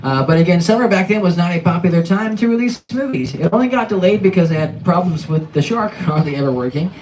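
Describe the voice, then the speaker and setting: High-voiced male tour guide, sometimes shouting out. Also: expressive, fast talker. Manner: shouting as if calling out from the shore. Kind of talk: tour guide commentary to passengers. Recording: distant noisy tour tram loudspeaker.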